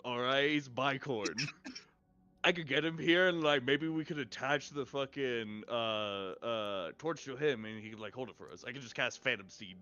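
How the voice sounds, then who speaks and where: A man's voice: medium pitch, pushed and bright, highs cut off. A man playing in a tabletop game, chatting in slangy, rambling banter and laughing often. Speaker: player.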